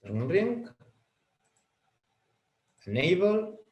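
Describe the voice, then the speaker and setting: With a high, very animated voice, a man who grew up speaking Spanish trains users in a software webinar. As he moves through the settings he halts and says words twice, and the recording is reverberant.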